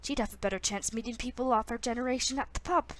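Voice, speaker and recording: A woman's voice: on the high side, fast, a bit bright, close to an everyday voice. A woman voicing a playful, teasing older grandfather in an attempted Irish accent. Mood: sly.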